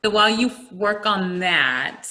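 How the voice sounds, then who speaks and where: A woman's voice: mid-range voice, lively intonation, unhurried, pushed and bright. A woman facilitating a group video call, calling on each participant in turn with short encouraging prompts. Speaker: discussion facilitator.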